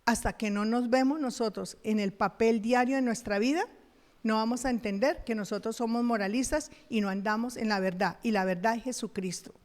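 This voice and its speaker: A middle-aged Colombian woman pastor preaching a sermon, animated, acting out little dialogues and laughing at herself. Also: on the high side, fairly quick. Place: church hall. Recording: long church reverb.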